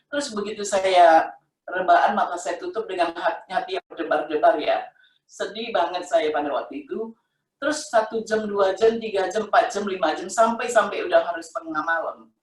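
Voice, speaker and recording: A woman's voice: lowish voice, normal speed. Brief: middle-aged woman, heartfelt repetitive testimony, roomy sound, mic set far off. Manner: emotional, repetitive, conversational storytelling. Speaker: testimony giver. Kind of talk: personal faith testimony.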